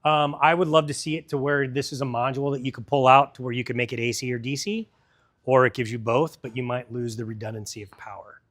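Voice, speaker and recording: A man's voice: mid-range voice, level tone, quick pace, fairly bright tone. A man presenting a product in a store demo, talking casually and explaining technical details to a crowd.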